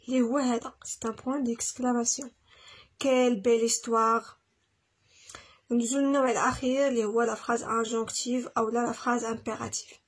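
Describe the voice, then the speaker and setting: Husky Moroccan woman teaching grammar. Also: a little high. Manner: explains in French then repeats in Moroccan Arabic, slow dictation. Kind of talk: classroom grammar lesson.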